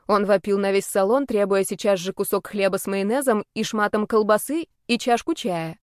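Woman, audiobook narrator, lively expressive reading, mid-pitched voice, dry close recording. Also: normal speed, clear, resonant tone, dry recording. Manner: lively, indignant and playful in character lines.

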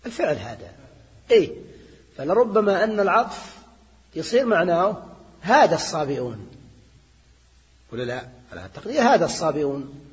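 An older man lectures on grammar in a fairly high voice. He explains step by step, repeats key points and keeps checking in with his listeners. The recording is dull and lo-fi, with a long reverb from a large hall. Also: very animated, a little fast, long pauses. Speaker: teacher of Arabic grammar. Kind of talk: classroom lecture.

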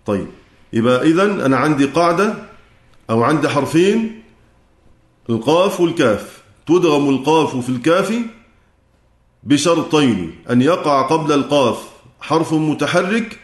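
A man with an Egyptian Arabic accent teaches a recitation class in a fairly high voice. He explains each rule step by step and stretches out the verse lines as he chants them. His voice rings with the echo of a roomy hall. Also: expressive, normal speed, long pauses. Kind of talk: lecture explaining a classical poem.

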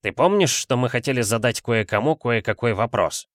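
A man voicing a gruff, unflappable male stoker who grumbles short, curt lines. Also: mid-range voice, lively intonation, moderate pace, no room sound, studio quality, close to an everyday voice.

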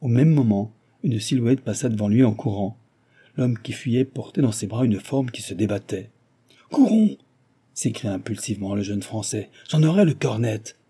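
A man reading a novel aloud in measured, even narration. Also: on the low side, breathy edge. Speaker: audiobook reader.

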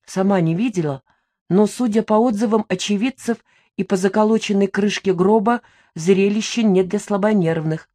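A woman reading a first-person detective story aloud in a wry, lively way. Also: medium pitch, normal speed. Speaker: audiobook narrator. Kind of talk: first-person audiobook narration.

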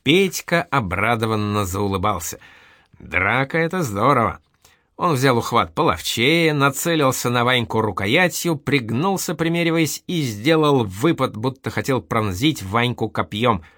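A man narrating an audiobook with expressive reading. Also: mid-range voice, measured pace, no echo, clean studio sound.

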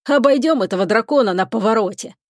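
A woman's voice: on the high side, expressive, fast talker, dry recording, clean studio sound. A woman voicing a blunt, grumbling, superstitious male crewman on a starship in an audiobook. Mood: gruff.

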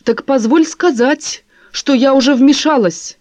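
Lady doing a fed-up wife, sharp and forceful, loud, dry mic. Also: on the high side, expressive, moderate pace, dry recording, lightly acted. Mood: indignant. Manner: forceful, cutting, indignant. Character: sharp-tongued angry wife, adult woman. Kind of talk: audiobook character voice.

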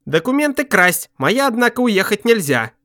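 A man's voice: high voice, big pitch swings, normal speed, sharp tone, voice pushed up, full character voice. A man voicing a proud, stubborn male vagrant who speaks in broken, ungrammatical phrases.

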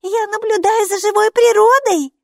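A woman reading an audiobook, voicing an excitable six-year-old girl in high, breathy, eager exclamations. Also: normal speed, dry recording, studio quality. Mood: excited.

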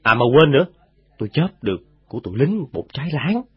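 A man's voice: medium pitch, very animated, fast talker, breathy edge, no echo. A man voicing a cheeky, boastful young village boy who stammers and chatters. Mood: chattery. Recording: dull, dry recording.

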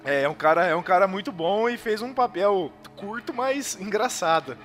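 A man's voice: sits high, lively intonation, normal speed, fairly bright tone, faint music behind. A man with a Brazilian Portuguese accent, hosting a podcast and casually recapping a horror film, rambling with lots of fillers and chuckles. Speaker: podcast host.

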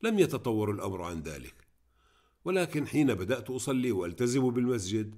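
A man's voice: medium pitch, big pitch swings, fast talker, darkish tone. A man reading aloud, voicing an earnest young man who opens up about himself.

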